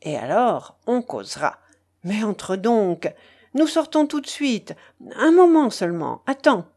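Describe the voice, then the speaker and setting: An excitable, hot-headed young man, voiced by a woman reader, gushing and bossy, rushing his plans along. Even his outbursts come at a slow, deliberate reading pace. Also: medium pitch. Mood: effusive urgent. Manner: quick-tempered, then warmly effusive.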